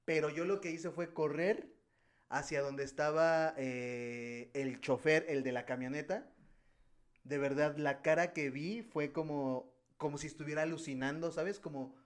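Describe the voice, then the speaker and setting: A man with a Mexican Spanish accent, chatting casually and telling stories with slang and animated asides. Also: on the high side, measured pace. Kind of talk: casual podcast chat.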